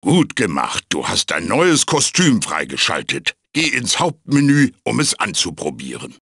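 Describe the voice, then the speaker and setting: A male voice plays a magical talking mask, the wise yet fussy mentor in a cartoonish German video game, giving tutorial hints and quips. His raspy, gravelly, bright voice swoops through huge pitch swings with a theatrical, emphatic, exaggerated delivery, a little slow and sounding pleased. It's recorded close and dry.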